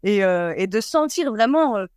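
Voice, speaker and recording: A woman's voice: mid-range voice, expressive, moderate pace, a little mellow, clean tone, no echo, studio quality. A woman telling her own birth story in a casual, chatty way. She leans on fillers and acts out the lines of the people she quotes.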